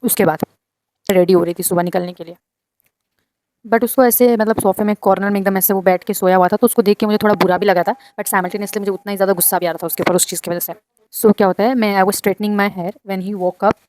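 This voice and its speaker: A woman telling a personal story in a casual, dramatic way. She sounds indignant and adds lively asides to her listeners. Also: medium pitch, a little fast, slight background noise.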